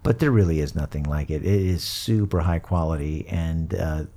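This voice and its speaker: A man's voice: extremely low pitch, normal speed, dark tone. A man hosting a podcast in casual hobby chat, with an easygoing, jokey way of talking. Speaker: podcast host.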